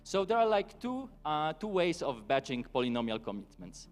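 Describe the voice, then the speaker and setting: A man giving a technical conference talk, somewhat hesitant as he moves through it briskly. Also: on the high side, very animated. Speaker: conference speaker. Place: conference stage in a hall. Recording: hall reverb with music.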